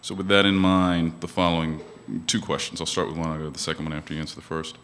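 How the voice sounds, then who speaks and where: A male panel moderator with a very low, flat voice reads a guest's background from his notes and poses formal questions. A faint hiss sits behind him. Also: fast.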